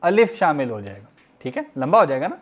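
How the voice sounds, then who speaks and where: A man teaching a recorded lesson, reading out words slowly and explaining each one. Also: a little high, big pitch swings. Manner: slow and deliberate, reads Arabic words then explains them. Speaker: Arabic teacher.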